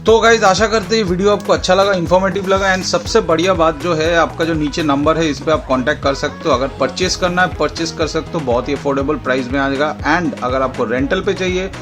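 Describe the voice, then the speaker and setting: Over background music, a channel host with an Indian accent runs a casual product demo that mixes Hindi and English, walking through it step by step and repeating points for clarity. His voice is on the high side and a little fast, with hardly any pauses.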